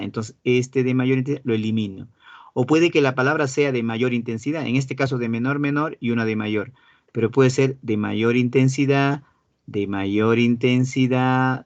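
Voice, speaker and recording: A man with a Peruvian Spanish accent teaching a classroom lesson. He repeats key words slowly and quizzes his students. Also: medium pitch, no echo. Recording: dull, dry sound.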